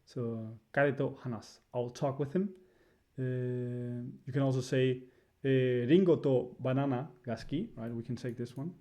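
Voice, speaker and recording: A man giving a casual spoken lesson, hesitant and filling pauses with "uh" and "right?". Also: mid-range voice, fairly even intonation, warm tone. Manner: hesitant, many fillers, frequent "right?". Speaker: language teacher.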